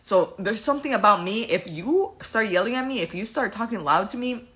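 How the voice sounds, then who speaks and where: A woman vlogger telling a story from home in a casual, animated, profane and sassy way. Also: medium pitch, fairly quick.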